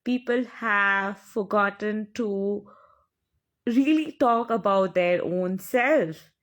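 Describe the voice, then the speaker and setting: A woman's voice: medium pitch, slow. Impassioned woman with an Indian English accent. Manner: impassioned, preachy, repetitive phrasing. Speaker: spiritual channel speaker. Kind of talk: earnest spiritual monologue.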